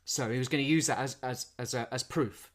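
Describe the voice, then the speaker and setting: This podcast co-host has a mid-range voice and a brisk delivery. Chatting casually about a film, he wanders through its plot and restarts himself often.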